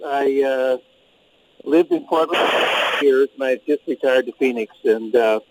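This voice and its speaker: A man's voice: medium pitch, unhurried, slight background noise, rough recording. A retired man in his sixties from St. Louis, calling in to a radio show on speakerphone from outdoors in a swimming pool. He talks in a rambling, friendly way with lots of ums and you-knows. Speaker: radio call-in caller. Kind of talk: casual call-in chat.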